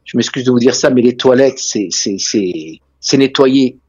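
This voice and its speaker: A man's voice: mid-range voice, a little slow, darkish tone, breathy edge, no echo, lo-fi sound. A man with a foreign, Israeli accent in French tells travel anecdotes conversationally as an interview guest, emphatically repeating key phrases. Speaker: interview guest, real estate and tourism businessman.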